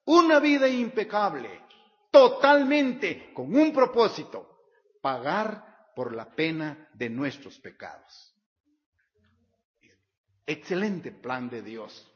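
Preacher, male, high and very animated voice, slow delivery, dull recording with long hall reverb. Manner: reads scripture aloud and repeats verse references. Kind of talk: sermon.

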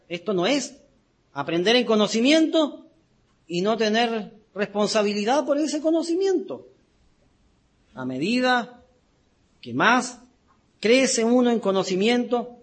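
Slow, husky-voiced man preaching. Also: sits high, sing-song. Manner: slow, deliberate, repeats key words for emphasis. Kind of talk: sermon with Bible reading.

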